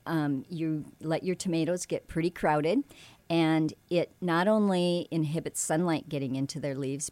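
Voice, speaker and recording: A woman's voice: low-pitched, darkish tone, no echo. A woman from Alaska explaining how to grow and prune tomatoes in a casual, explanatory way, with frequent ums and self-corrections. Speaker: gardening expert guest. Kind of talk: casual radio gardening advice.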